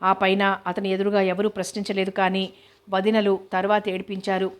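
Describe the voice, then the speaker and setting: A woman narrates a novel in a steady, measured reading voice. Her pitch sits in a narrow band, keeping the delivery calm and level from line to line. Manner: even, steady reading, voicing all characters lightly. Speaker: novel reader.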